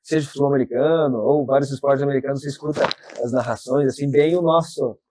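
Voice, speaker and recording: A man with a southern Brazilian accent, a podcast guest telling stories in a talkative, animated way. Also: mid-range voice, fast, slight background noise. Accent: southern Brazilian Portuguese. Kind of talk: casual interview chat.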